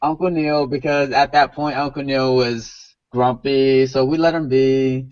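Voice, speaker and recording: A man's voice: mid-range voice, steady tone, measured pace, darkish tone, clean tone, no room sound, highs cut off. A man hosting a casual podcast chat, rambling and repeating words with lots of "you know". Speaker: podcast host.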